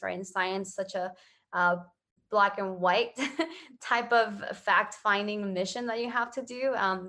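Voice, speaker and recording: A woman from Ecuador, a social entrepreneur, gives casual, earnest interview answers in a mid-range, gravelly, slightly bright voice. Her manner is conversational, and she often tags phrases with "right?" to check in.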